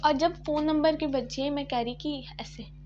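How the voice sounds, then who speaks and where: High-voiced slangy young woman vlogger. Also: moderate pace, highs cut off. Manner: slangy, blunt, animated storytelling. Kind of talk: casual storytime. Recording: clear background noise.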